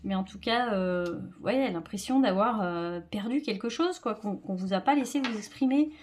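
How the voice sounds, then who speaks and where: A woman's voice: mid-range voice, normal speed, slight background noise. A woman with a French accent giving a casual tarot reading, talking loosely with frequent fillers and repeated words. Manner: chatty, loose, repeats herself, informal fillers. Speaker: tarot reader.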